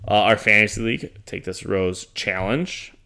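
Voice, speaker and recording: A man's voice: on the low side, normal speed, pushed and bright. A man co-hosting a podcast in casual chat, joking and laughing often. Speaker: podcast co-host.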